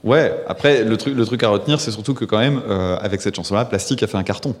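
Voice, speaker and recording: Fast-talking guy on a live podcast stage, dry teasing, hall reverb. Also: fairly low pitch. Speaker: podcast co-host.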